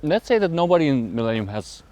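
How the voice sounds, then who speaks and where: A man co-hosting a podcast, retelling a plot in a halting, rambling way while strolling outdoors. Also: on the high side, sing-song, dark tone. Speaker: podcast co-host. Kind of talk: casual chat while walking.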